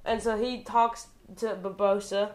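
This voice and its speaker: A woman's voice: medium pitch, flat delivery, unhurried. A woman co-hosting a podcast in casual chat, playful and giggly, often breaking into silly voices. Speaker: podcast co-host.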